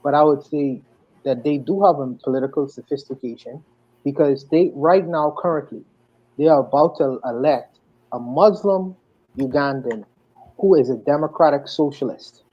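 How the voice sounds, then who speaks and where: A man's voice: on the high side, moderate pace. A man on a discussion panel who stumbles and repeats words as he makes his points. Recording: dull lo-fi sound.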